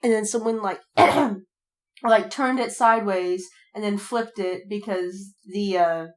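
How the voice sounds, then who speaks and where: A podcast co-host, a woman with a mid-range voice and slightly slow delivery, rambles through casual fandom chat. She peppers her talk with "like" and swearing, animatedly retelling stories and acting out people's reactions as quotes.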